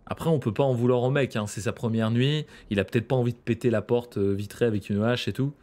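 A man's voice: medium pitch, fast talker, dark tone. A man casually commentating a horror game, chatty and joking with slang and asides. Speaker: gaming streamer. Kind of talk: let's play commentary.

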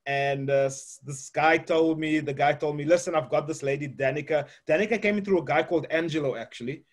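A man's voice: fairly high pitch, a little fast. A man hosting an interview over a video call from his home office, chatty and full of "uh, you know". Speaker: host. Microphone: webcam on video call.

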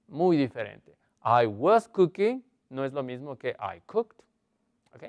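A man teaching an online English grammar lesson, explaining in Spanish and reading English examples slowly while asking his students questions. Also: fairly high pitch, no room sound, studio quality. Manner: asks students questions often.

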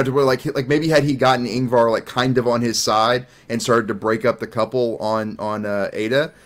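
A man co-hosting a casual movie review chat, blunt and rambling, swearing freely and answering his own rhetorical questions. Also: mid-range voice. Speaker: podcast co-host.

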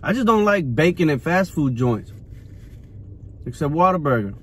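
A man's voice: on the high side, big pitch swings, normal speed, breathy edge. Man talking with his mouth full. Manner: blunt, joking, swears casually. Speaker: food review vlogger. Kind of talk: casual car food review. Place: parked car.

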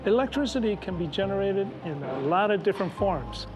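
Older male professor, higher-pitched, earnest and explanatory, some hesitations. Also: animated, a little fast, over music, low-quality recording. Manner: earnest, explains with fillers and restarts. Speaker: engineering professor. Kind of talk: explanatory interview talk.

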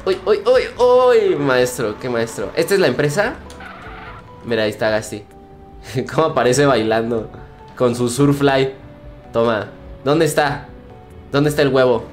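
A man's voice: mid-range voice, unhurried, long pauses. Young male streamer, playful gameplay chatter, mid-range voice, faint music bed. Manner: playful, joking, repeats phrases, laughs often. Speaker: gaming streamer. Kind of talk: casual gameplay commentary.

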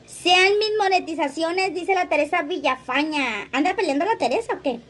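Livestream host, woman, high voice, gossipy and playful. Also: lively intonation, moderate pace, fairly bright tone. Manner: chatty, laughs often, reads comments aloud. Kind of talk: casual livestream chat reading comments.

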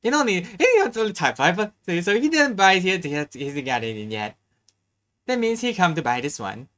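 A reaction host with a very lively, mid-pitched voice. The delivery is casual and halting, with repeated words and frequent chuckles as they comment live.

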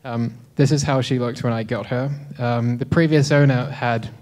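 A man's voice: medium pitch, normal speed, soft background music. Young South African man telling a story. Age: 20s. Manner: relaxed and self-deprecating, with frequent ums. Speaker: speaker at a live talk event. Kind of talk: storytelling talk to an audience. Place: dim lecture hall with a projector screen. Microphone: handheld microphone.

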